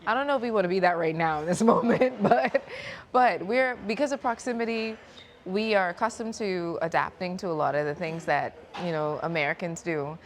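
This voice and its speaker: A Bahamian woman hosts a relaxed interview, her voice a little lower than most. She talks in a playful, easygoing way and laughs often. Faint noise hums behind her. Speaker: podcast host. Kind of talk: casual interview chat.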